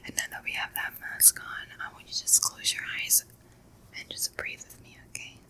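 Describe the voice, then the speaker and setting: A woman whispering softly and slowly through a pampering facial and calm breathing guidance. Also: rough recording. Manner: soft unvoiced whisper, slow soothing guidance. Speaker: ASMR creator. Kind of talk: ASMR whispered facial role-play.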